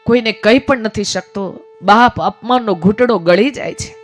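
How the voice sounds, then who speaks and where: A woman's voice: medium pitch, normal speed. A woman narrating a devotional story, emotionally voicing a father, mother and son. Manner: emotional storytelling, voices the characters' pleas. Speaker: religious storyteller. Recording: faint music behind voice.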